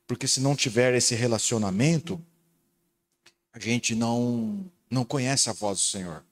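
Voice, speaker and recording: A middle-aged man with a Brazilian Portuguese accent, preaching a lively sermon and playing a game with his congregation. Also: medium pitch, normal speed. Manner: playful, laughing, animated. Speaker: pastor.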